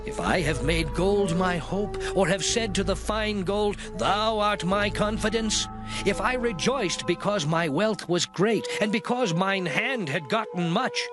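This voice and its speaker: A man's voice: high voice, a little slow. An actor playing Job, a suffering righteous man solemnly protesting his innocence in a dramatized scripture reading. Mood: solemn, earnest. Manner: solemn, declamatory, earnest. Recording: music bed under voice. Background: music.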